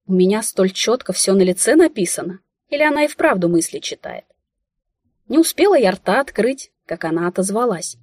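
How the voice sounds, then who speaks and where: A woman narrating an audiobook in the first person, ironic and expressive. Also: medium pitch, fairly quick, dry recording, clean studio sound.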